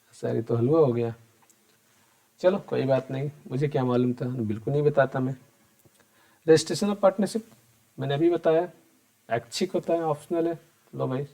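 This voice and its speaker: A man's voice: mid-range voice, gravelly, mellow. A man teaching an accounting lesson for exam preparation. He talks straight to his students, keeps asking them questions and answers them himself, and repeats the key points. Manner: conversational, addresses students directly and asks them questions. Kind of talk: exam-prep lecture.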